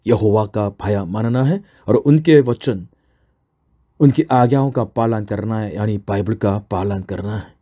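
A man's voice: mid-range voice, warm tone. A man preaching a sermon in an earnest, explaining way, asking questions and answering them himself.

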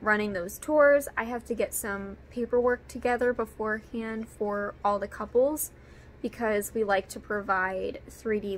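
A hoarse woman talks through her day in a loose, rambling way. Her chat is full of fillers and side thoughts, like she is talking to a friend. A faint hum of noise sits under her voice. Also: medium pitch. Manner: chatty and rambling, with frequent fillers. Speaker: vlogger. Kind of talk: casual vlog chat.

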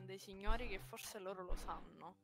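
A woman taking part in a game role-play, speaking at a middle pitch. She answers in a calm, matter-of-fact way, with plain, measured replies. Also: vocal fry.

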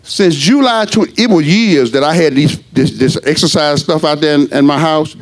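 A middle-aged man preaching a sermon as pastor, rising into shouts and stretching his words. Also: fairly high pitch, normal speed.

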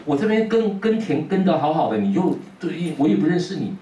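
Squeaky, aggrieved young farmer, acted by a male teacher; lively and high. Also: moderate pace. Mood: indignant. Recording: roomy classroom from a distance.

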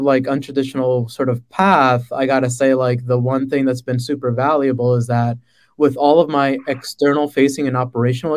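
A man's voice: medium pitch, darkish tone. Chatty man on a video call. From Dominican Republic. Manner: conversational, fillers like "right?" and "like". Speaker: product manager, panelist. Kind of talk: casual panel chat on a video call. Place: small room indoors. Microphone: laptop webcam mic on a video call.

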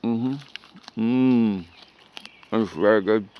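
A man giving a casual, unhurried walkaround of his food garden outdoors, pointing out plants with short remarks. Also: fairly low pitch, highs cut off.

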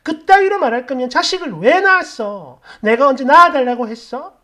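A woman voicing a furious grown daughter who shouts accusations at her mother, read aloud as part of a story. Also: on the high side, steady tone, moderate pace, lightly acted.

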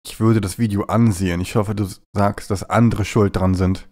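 Playful, low-voiced man streaming with a cold. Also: fairly even intonation, moderate pace, a little mellow. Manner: playful, jumpy, often breaks into silly bits. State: stuffy, runny nose from a cold. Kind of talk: casual live-stream chat while gaming.

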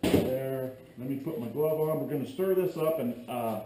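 A man's voice: medium pitch, moderate pace. A middle-aged man hosting a casual how-to vlog, joking and rambling while he works in a cluttered garage workshop, filmed from a camera set back from him. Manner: joking, rambling, chatty asides while working. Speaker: fishing video host. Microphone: far camera on a tripod. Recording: echoey garage with faint hum.

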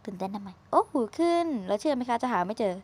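Chatty high-voiced woman playing a game. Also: animated, quick pace. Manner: chatty, teasing, exclaims often. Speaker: gaming streamer. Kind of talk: casual game commentary.

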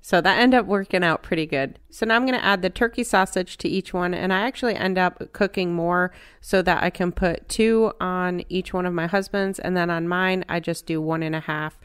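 A middle-aged woman narrating her home cooking step by step in a relaxed, chatty way. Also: lowish voice, normal speed, hardly any pauses, clear, resonant tone. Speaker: cooking channel host.

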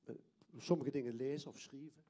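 A man's voice: mid-range voice, fairly even intonation, brisk, dark tone. A man in his fifties with a Limburgish Dutch accent, hosting live on a theatre stage with a handheld microphone in informal, hesitant phrases. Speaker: stage host, schoolteacher. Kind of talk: live presenting and chatting with contestants. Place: theatre stage before an audience.

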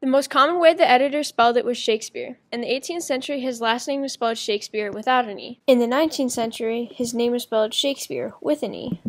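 A woman's voice: on the high side, fast talker, hardly any pauses. A woman narrating a school project presentation, reading evenly from a script. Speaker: student presenter.

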